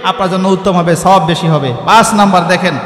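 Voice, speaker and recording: A man's voice: high-pitched, steady tone, fast, a bit bright, reverberant, big-room sound. A man preaching a sermon who keeps asking his listeners questions and answering them himself, and chants Arabic supplications.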